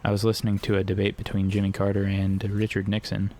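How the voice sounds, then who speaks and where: Young guy streaming a game, low gravelly voice, rambly crude jokes. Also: monotone, fast talker, darkish tone. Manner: rambling, joking, crude humor. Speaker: gaming streamer. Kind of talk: casual gameplay commentary.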